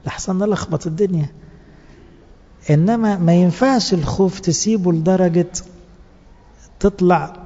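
A man with an Egyptian accent delivers an earnest sermon to church servants, exhorting them with many rhetorical questions. His voice is high-pitched and mellow at a moderate pace with long pauses, in a dull lo-fi recording from a reverberant hall.

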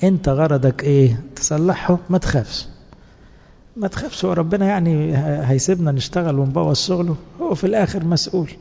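A man's voice: a little high, fast talker, creaky, mellow. A man with an Egyptian accent preaching to church servants, earnest and exhorting, full of rhetorical questions. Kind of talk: sermon. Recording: dull lo-fi recording in a reverberant hall.

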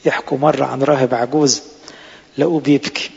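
A man's voice: medium pitch, steady tone, quick pace, creaky, darkish tone, breathy edge. A man preaching a sermon with an Egyptian Arabic accent, earnest, pressing his listeners with rhetorical questions. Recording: reverberant hall, dull lo-fi sound.

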